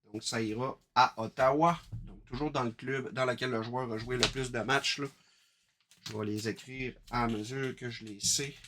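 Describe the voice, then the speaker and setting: A man with a Quebec French accent hosting a live card-break stream, chatting briskly and calling out each card as he opens packs. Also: medium pitch, steady tone, fairly bright tone, a little hiss or hum.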